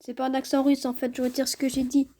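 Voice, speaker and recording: A woman reacting casually to a video, hesitant, with many fillers and quick asides. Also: high-pitched, monotone, dark tone.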